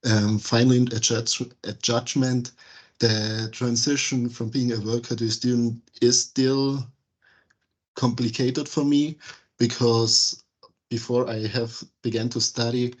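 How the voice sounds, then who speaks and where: A man talks slowly in an even, flat tone. He halts often and hunts for his words while he presents over a video call. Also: mid-range voice. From Austria. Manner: slow, halting, searching for words. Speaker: nursing student.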